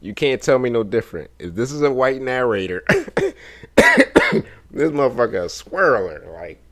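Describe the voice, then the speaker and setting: A man's voice: medium pitch, sing-song, moderate pace, fairly bright tone. Profane, joking man reacting to a video. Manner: profane, joking, laughs often. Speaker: reaction streamer. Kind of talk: casual reaction commentary.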